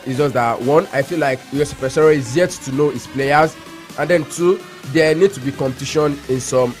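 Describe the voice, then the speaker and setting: A man's voice: medium pitch, soft background music. A Nigerian man debating football on a sports radio panel, laying out his points in order. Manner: measured, lays out points in order. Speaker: studio pundit.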